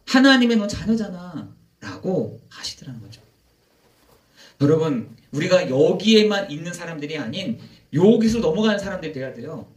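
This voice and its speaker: A male pastor delivering a sermon, his voice set a little high and swinging widely between loud peaks and quiet drops. He keeps asking the congregation questions and answering them himself. The sound is roomy and echoey, picked up from some distance in a church. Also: very animated, normal speed. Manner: rhetorical questions answered by himself, emphatic storytelling.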